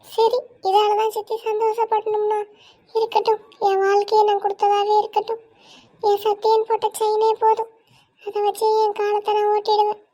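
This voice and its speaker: A woman voicing a meek, mistreated young woman who speaks softly and pleadingly in a cartoon. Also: very high-pitched, monotone, moderate pace. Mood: sorrowful. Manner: soft, pleading, tearful monologue. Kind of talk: cartoon voice acting.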